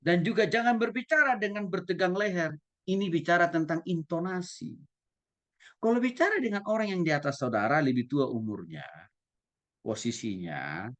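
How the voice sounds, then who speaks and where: A male pastor giving a teaching sermon, asking his listeners questions and acting out examples. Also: fairly high pitch. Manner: lively, asks listeners questions, acts out examples.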